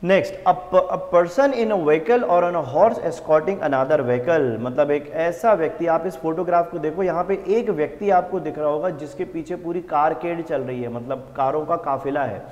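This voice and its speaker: A man teaching an exam-prep vocabulary lesson. He reads English definitions out slowly and repeats each answer back as a question. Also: fairly high pitch, a little mellow, big-room sound, lo-fi sound. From India.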